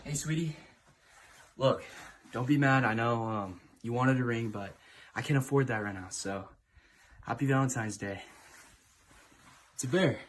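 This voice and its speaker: A man's voice: mid-range voice, unhurried, pauses often, slight background noise. A man performing a comic sketch as a pleading boyfriend. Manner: pleading, rising to frantic yelling.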